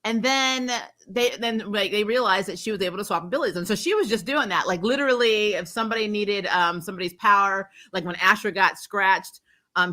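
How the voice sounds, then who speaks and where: A female livestream host with a medium-pitched, sharp voice chats her way through a TV episode recap. The tone is casual and giggly, full of rambling, self-corrections, and acted-out quotes.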